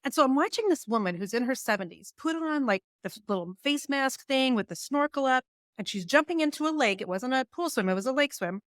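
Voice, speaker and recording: A woman's voice: sits high, a little fast, no echo, clean studio sound. A woman in her forties, a business coach and author, telling stories casually in an interview and acting out her own inner voice. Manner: animated, acts out her own inner dialogue with laughs. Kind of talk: casual storytelling in a podcast interview.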